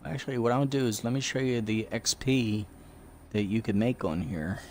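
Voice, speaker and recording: A man's voice: medium pitch, normal speed, a little mellow, a little hiss or hum. A man in his fifties chatting casually to his live stream audience while playing a racing game. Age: 50s. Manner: chatty, rambling, talks to live chat. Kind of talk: casual gameplay commentary.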